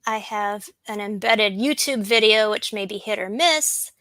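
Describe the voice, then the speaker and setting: A woman botanist giving an unhurried slide lecture, with frequent ums and restarts. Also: medium pitch, sharp tone, no room sound, low-quality recording. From USA.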